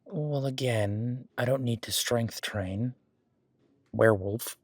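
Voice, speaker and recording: A man acts as a chill, gym-loving werewolf who supports his partner, talking slowly at a medium pitch in a casual, conversational one-sided roleplay. He reassures and rambles, correcting himself along the way. The recording is very dry, with hardly any room around the voice.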